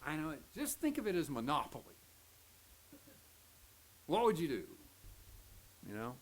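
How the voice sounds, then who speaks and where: An older pastor with an Oklahoma Southern accent gives a folksy Sunday school lesson. His voice sits high and swings widely in pitch as he jokes and slips into the voices of the people in his stories. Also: normal speed. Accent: Oklahoma Southern American. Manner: joking, animated, acts out quoted voices.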